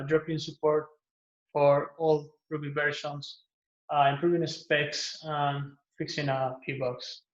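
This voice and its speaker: A man from Guatemala with a slightly high voice gives a conference pitch, leaning on "uh" and "um" as he goes and often restarting his sentences. The recording sounds echoey and somewhat muffled, like a lo-fi room take. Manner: relaxed, with frequent "uh" and "um" fillers and self-repairs. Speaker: open source maintainer giving a project pitch.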